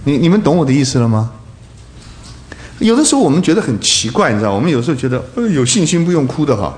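A male preacher giving a sermon, throwing rhetorical questions at the congregation and swinging between loud bursts and soft asides. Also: fairly high pitch, sing-song, fast talker.

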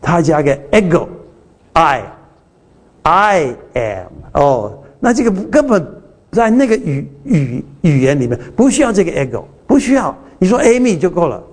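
Male preacher, fairly high voice, chatty sermon with restarts, rhetorical questions and English asides. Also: sing-song, normal speed, warm tone. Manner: slips English phrases into the talk.

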